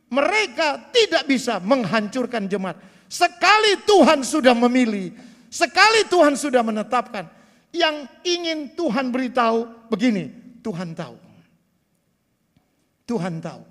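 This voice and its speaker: Man in his sixties, pastor, sermon, high voice, long hall reverb, loud bursts and soft asides. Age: 60s. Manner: preaching with rising bursts and dropping to quiet asides. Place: church sanctuary.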